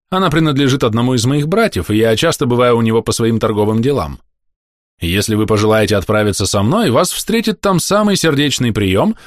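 A man reading an audiobook, voicing a smooth-talking male trader who sounds falsely friendly and faintly ironic. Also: medium pitch, no echo, studio quality, lightly acted.

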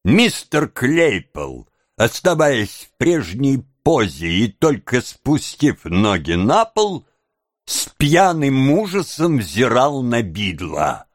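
A male audiobook narrator reading a classic novel in a measured, expressive storytelling manner. He speaks slowly with a lively, varied pitch, and the recording is dry and close. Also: no echo. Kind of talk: scripted literary narration.

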